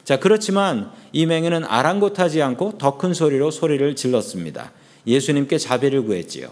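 A man's voice: a little high, big pitch swings, a little fast, a little mellow. A man preaching a sermon as pastor, fervent and raising his voice for emphasis.

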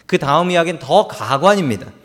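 Animated male pastor in an echoing hall. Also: fairly high pitch, a little fast. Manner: lively storytelling, voicing biblical figures and calling on the congregation. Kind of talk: Sunday sermon. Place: church sanctuary.

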